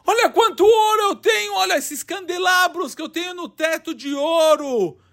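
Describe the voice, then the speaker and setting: Man doing a talking idol statue, storybook, very high voice, coaxing, insistent. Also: moderate pace, vocal fry, a bit bright, heavily acted.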